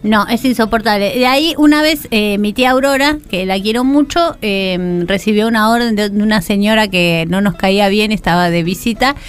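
A woman's voice: medium pitch, moderate pace, hardly any pauses, smooth. A woman co-hosting a radio show in a Rioplatense Argentine accent, telling funny family stories and giggling. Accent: Rioplatense Argentine Spanish. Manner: storytelling, giggly. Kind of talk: casual radio banter. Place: radio studio.

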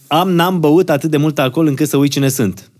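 A man hosting a podcast interview, asking questions and reacting quickly. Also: on the high side, darkish tone. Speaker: podcast host. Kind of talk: casual interview.

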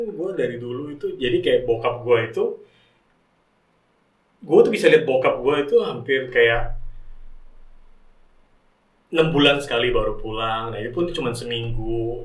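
A man's voice: medium pitch, moderate pace, long pauses. A middle-aged man chatting casually as a podcast guest, slangy and informal, often acting out the advice he gives. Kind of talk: casual chat. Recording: roomy echo, distant from mic.

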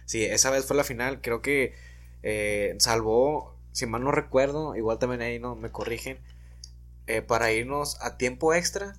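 Relaxed norteño guy, laughs easy, gets loud when reliving stuff. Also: medium pitch, unhurried. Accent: northern Mexican, Monterrey. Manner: relaxed, laughs easily, relives moments loudly. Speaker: guest, former stadium security worker. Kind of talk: casual chat.

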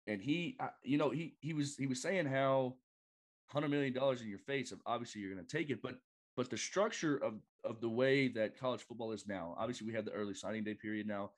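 Halting male podcast guest. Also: medium pitch. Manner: halting, lots of fillers and restarts. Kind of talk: casual sports chat.

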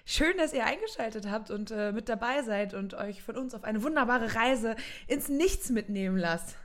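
A woman's voice: a little high, expressive, normal speed, a bit bright. A young woman co-hosting a podcast in casual chat, bantering playfully and giggling often. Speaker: podcast co-host.

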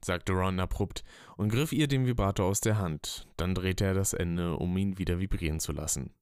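Deep, smooth male narrator. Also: moderate pace, darkish tone, no echo, studio quality. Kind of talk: scripted narration.

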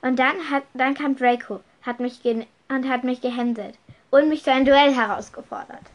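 A woman voicing an excitable young schoolboy wizard who stammers and apologizes. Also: sits high, slow, pitched above the performer's own voice. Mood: anxious. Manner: stammering, flustered.

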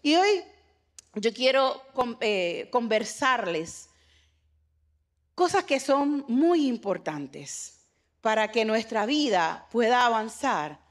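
A woman's voice: fairly high pitch, very animated, slow. An older woman pastor with a Puerto Rican accent, giving a conversational sermon that mixes family stories with emphatic exhortation. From Puerto Rico. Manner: conversational preaching with retold family anecdotes, rising to emphatic exhortation. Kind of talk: sermon to a women's meeting.

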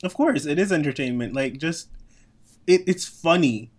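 A man co-hosting a chatty podcast, with a somewhat high voice for a man. He is expressive and keeps jumping in with quick reactions. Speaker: podcast co-host. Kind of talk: casual chat.

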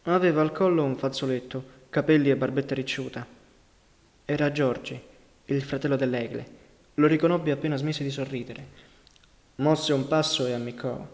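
A man narrating a novel as an audiobook, in a measured, unhurried literary reading. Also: medium pitch, steady tone, a little mellow. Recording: long reverberant hall sound.

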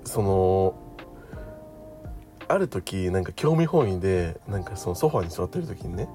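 A man's voice: low-pitched, animated, measured pace, dark tone. A man co-hosting a radio show in casual chat, telling things in an informal, hesitant way with plenty of filler words. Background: background music.

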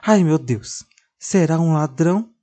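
A narrator voicing a small, lively girl who bosses her dolls around, in a high, expressive child's voice. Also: a little slow, lightly acted. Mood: assustada. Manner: fala aguda e expressiva de criança. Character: menina pequena, animada e mandona com os bonecos.

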